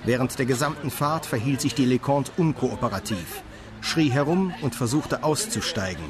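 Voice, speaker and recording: A man's voice: mid-range voice, moderate pace. A man reading an official police report aloud in a dry, officious manner.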